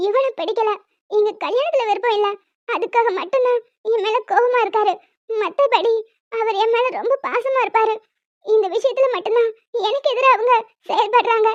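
A woman voicing an emotional young wife in an animated drama, pleading and tearful. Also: very high voice, no room sound. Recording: dull lo-fi dry sound.

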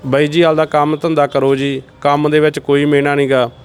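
A man's voice: fairly high pitch, a little fast, smooth. Plainspoken man outdoors. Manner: steady, plainspoken, repeats points. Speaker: deported laborer.

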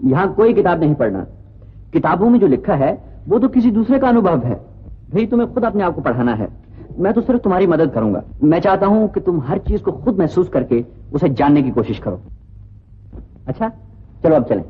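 An actor playing an earnest, gently persuasive young man who teaches and pleads with his sister, in 1950s film acting. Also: high voice, big pitch swings, fairly quick, a little hiss or hum. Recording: tinny old film soundtrack.

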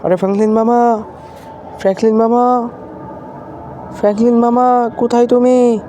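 Shinchan, a man doing a shouting little boy. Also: sits high, steady tone, quick pace, a little hiss or hum. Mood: alarmed, shouting. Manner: calls out loudly and repeatedly. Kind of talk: game roleplay commentary.

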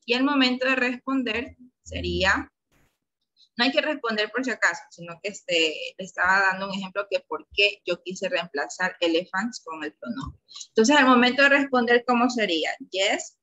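A woman's voice: mid-range voice, normal speed, bright, forceful tone, dull audio. A woman with an Ecuadorian Spanish accent teaching an English lesson to young pupils, patiently coaxing them with questions. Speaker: primary school English teacher. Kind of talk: online class lesson.

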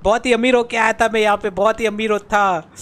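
A young man with a strikingly high voice streams a game and chats live to his viewers. He jokes around, exclaims, and pleads in playful mock despair. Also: fairly even intonation, brisk, a bit bright. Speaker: gaming streamer.

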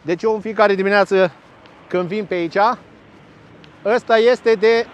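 A man's voice: high voice, fairly even intonation, muffled recording. A man giving chatty, sarcastic commentary straight to his viewers while standing beside a busy road. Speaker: local vlogger. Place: roadside by a busy road, outdoors. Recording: faint outdoor traffic noise. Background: passing traffic and trucks.

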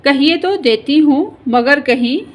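A woman's voice: high-pitched, animated, slow. A woman reading the part of a harried housewife and mother who scolds and frets. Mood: scolding. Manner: scolding, flustered.

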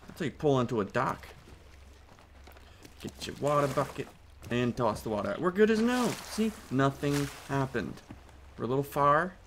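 A gaming channel host puts on a British accent while giving casual, excitable commentary over his own gameplay, swearing as he reacts. His voice is medium-pitched, with slight background noise.

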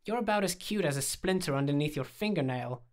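Male reader doing a young woman, raised pitch, prickly, dry comebacks, storybook. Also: expressive, a little fast, natural voice. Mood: defiant. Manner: dry, defensive retorts. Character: young woman, withdrawn and sharp-tongued.

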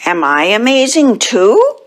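A woman's voice: on the high side, wildly swooping pitch, takes it slowly, pitched above the performer's own voice, exaggerated voice. A woman doing a small, curious kitten boy. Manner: wondering, questioning little-kid voice. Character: curious little boy kitten, earnest and questioning.

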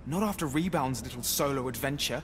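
An actor playing a sensible, matter-of-fact superhero teammate in a video game. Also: male voice, mid-range voice, animated, a little fast, natural voice. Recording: reverberant, faint background noise.

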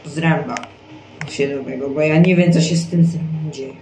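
A man's voice: fairly high pitch, steady tone, normal speed, darkish tone, a little hiss or hum. A young man casually commenting on a game he is playing, rambling with many fillers and restarts. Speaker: gaming channel host. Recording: roomy echo, faint game music behind.

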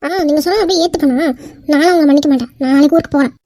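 A woman voicing an angry, hurt young wife in a cartoon skit, scolding with quick indignant retorts. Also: sits high, darkish tone, no room sound, studio quality, natural voice.

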